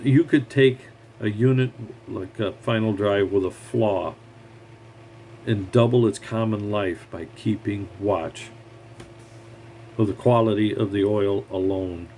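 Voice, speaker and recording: A man's voice: fairly low pitch, unhurried, creaky, long pauses, warm tone, slight background noise. A mechanic, a man, giving blunt, heated advice in a scornful rant straight to the camera. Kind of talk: ranting advice monologue.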